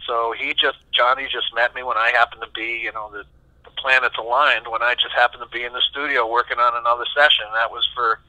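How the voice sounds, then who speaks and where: Man with a sharp, forceful voice. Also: mid-range voice, fast, no echo, rough recording. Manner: animated, acts out quoted voices, many restarts. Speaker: session guitarist, interview guest. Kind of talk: storytelling interview answers.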